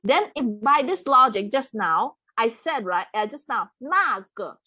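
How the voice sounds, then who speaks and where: Brief: woman language tutor on a video call, slow and patient, lively pitch, dry close sound. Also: no echo. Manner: patient, repeats words and checks with "okay?". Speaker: online Mandarin tutor. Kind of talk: live online language lesson.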